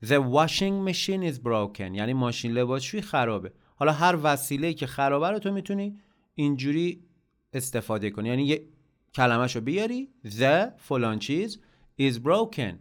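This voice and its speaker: A man teaching English. He says each example phrase slowly and carefully, then explains it in a relaxed, casual way. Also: medium pitch. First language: Persian. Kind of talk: language lesson with slow example phrases.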